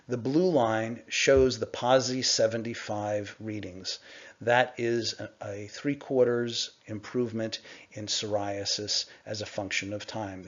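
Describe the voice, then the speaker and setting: A middle-aged man on a conference call, presenting to investors in a measured, explanatory way with frequent "uh" pauses. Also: on the low side. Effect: conference call line. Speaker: company executive presenting to investors. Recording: dull lo-fi conference call audio.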